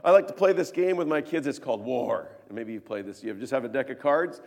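A man in his thirties preaching a sermon as pastor, earnest, moving between hushed tones and emphatic peaks. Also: mid-range voice, animated, a little fast, creaky. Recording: long reverb of a church hall.

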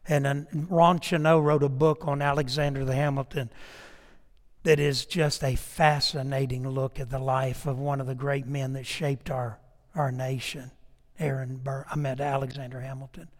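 A man preaching a sermon in a conversational storytelling way, swinging between raised emphasis and quiet asides. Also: medium pitch, flat delivery, normal speed, in a large hall. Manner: conversational storytelling preaching, rising and dropping to a hush.

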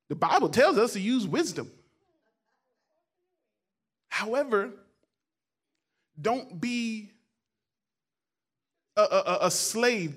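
A man preaching a sermon as a guest pastor, loud and emphatic in places and quiet in others, often repeating his words and phrases. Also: very high voice. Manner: preaching, swings between quiet asides and loud emphatic calls.

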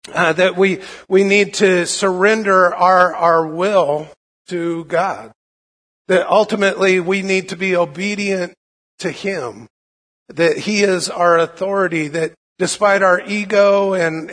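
A man preaching a sermon as a pastor, with a gravelly, hoarse voice and a halting, informal delivery that often repeats words. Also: sits high, a bit bright. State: hoarse from being unwell. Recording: long hall reverb.

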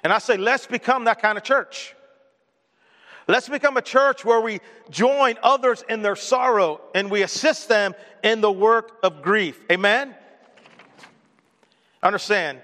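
A fairly high male pastor delivers an earnest sermon that rings through a reverberant church sanctuary. He builds to loud emphatic points, then drops low and gentle when he speaks of loss. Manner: earnest preaching, swells loud on key points, drops soft on grief.

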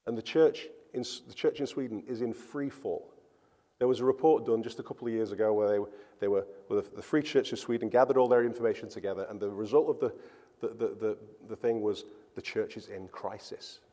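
A man with a lowish, dark-toned voice preaches a sermon at a brisk pace, earnest and emphatic, often repeating words for stress. The church hall gives his voice a long reverb.

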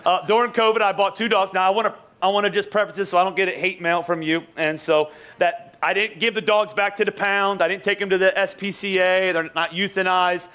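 A man's voice: sits high, steady tone, fairly quick, few pauses, sharp tone, clear, resonant tone. A young male pastor telling a joking, sarcastic story during his sermon, with many restarts and asides to the congregation. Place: church sanctuary.

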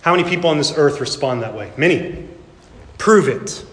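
A man's voice: a little high, animated, fairly bright tone. Man preaching a sermon, echoey hall. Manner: emphatic preaching with dramatic pauses. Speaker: pastor. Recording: echoey hall with long reverb.

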